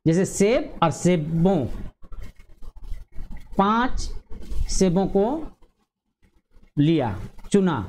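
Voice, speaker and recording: A male teacher explaining a grammar lesson to teachers and parents, measured, with frequent drawn-out hesitations and slow repeated word pairs. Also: high voice, expressive, darkish tone, slight background noise.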